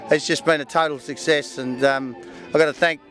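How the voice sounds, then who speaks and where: Man, Australian accent, slightly high voice, casual thank-you speech, faint music behind. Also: steady tone, brisk, a bit bright, a faint crowd. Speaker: event promoter.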